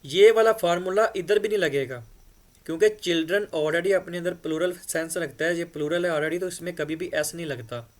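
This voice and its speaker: Male teacher, patient classroom explaining, slightly high voice. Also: moderate pace. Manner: patient, repeats "ठीक है" often. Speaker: English grammar teacher. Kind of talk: explanatory board lesson.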